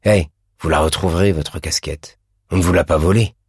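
A man's voice: lowish voice, normal speed, slightly rough, no echo, clean studio sound, voice pushed up. A man reading aloud and voicing a stern, irritable schoolmaster who barks orders at his class. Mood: softer. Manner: barking commands, raising his voice.

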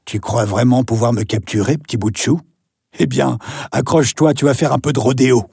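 A narrator voicing a big, good-natured male bison with a deep, booming voice. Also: brisk, vocal fry, warm tone, husky, no room sound, clean studio sound. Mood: teasing.

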